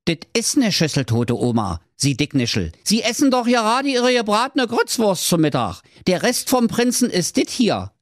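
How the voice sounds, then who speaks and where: A man voicing a cheeky, put-upon royal valet with a strong Berlin accent, talking high and snippy in a comic reading. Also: wildly swooping pitch, normal speed, hardly any pauses, no room sound, studio quality. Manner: snippy and exasperated, pitched high. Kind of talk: comic fairy-tale reading.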